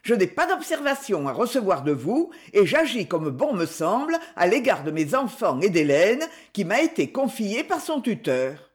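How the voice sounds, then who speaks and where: A woman's voice: on the high side, sing-song, a little slow, voice pushed up. A haughty, acid-tongued stepmother lashes out in a raised, piercing voice, as a woman reader puts her on. Her lines rise and fall sharply. She is plainly scornful and commanding. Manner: acerbe, haughty, scolding. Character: sharp arrogant middle-aged stepmother, scolding. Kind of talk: audiobook reading.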